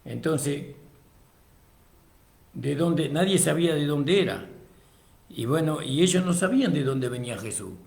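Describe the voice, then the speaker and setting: Gravelly preacher in an echoey room. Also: male voice, animated, unhurried, pauses often, a little mellow. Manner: addresses listeners as brother, frequent praise interjections; raises voice for emphasis, then drops low. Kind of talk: sermon with Bible reading.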